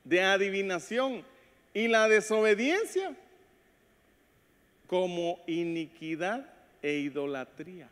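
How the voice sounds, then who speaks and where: A man's voice: high voice, expressive, slow, long pauses, fairly bright tone, clean tone. A man preaching a sermon as pastor, speaking to the congregation and acting out short quoted voices. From Latin America. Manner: preaches with acted quotes and call-outs to the congregation. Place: church sanctuary. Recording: long hall reverb.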